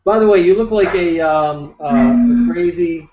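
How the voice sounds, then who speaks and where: A man's voice: on the high side, measured pace. A man co-hosting a casual podcast, joking and swearing as he rambles. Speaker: podcast co-host. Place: home room, dogs nearby. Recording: roomy, dull lo-fi podcast audio with faint noise.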